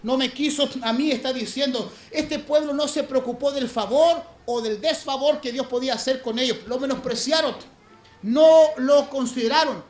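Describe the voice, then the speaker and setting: A man preaching a sermon as pastor, swinging between loud emphasis and hushed low passages. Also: normal speed. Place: church sanctuary. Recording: echoey church room, faint ambience.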